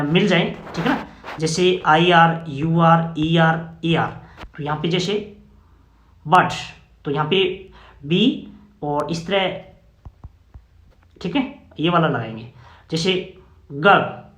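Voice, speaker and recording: A man's voice: high-pitched, a bit bright, echoey room. A man teaching a classroom phonetics lesson, explaining step by step and often checking with "okay?".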